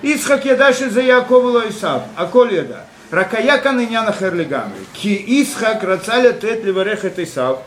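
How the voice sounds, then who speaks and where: High-voiced man teaching Torah, halting. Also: lively intonation. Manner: halting, full of fillers and rhetorical questions. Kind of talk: Torah class. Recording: echoey room with faint background noise.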